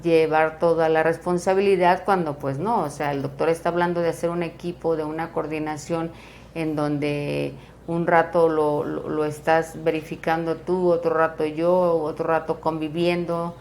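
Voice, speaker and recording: A woman's voice: sits low, flat delivery, normal speed, darkish tone, a little hiss or hum. A woman hosting an interview, chatty and fond of acting out everyday scenes. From Mexico. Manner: chatty, acts out everyday scenes, many fillers. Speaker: host. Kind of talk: interview talk.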